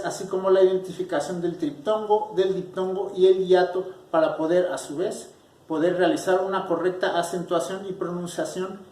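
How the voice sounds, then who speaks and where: A man's voice: high-pitched, a little mellow. A man introducing a lesson in an explanatory way, with some restarts. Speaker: teacher. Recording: roomy and distant from the mic.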